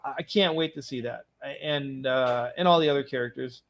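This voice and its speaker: A man's voice: medium pitch, fairly quick. A man co-hosting a casual livestream, rambling and restarting as he talks, laughing often. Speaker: podcast co-host.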